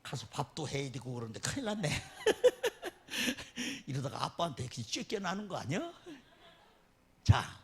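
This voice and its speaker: A man preaching a sermon as a guest pastor, animated and often laughing as he tells stories. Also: measured pace, husky. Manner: animated, laughing, dramatic swings in pitch.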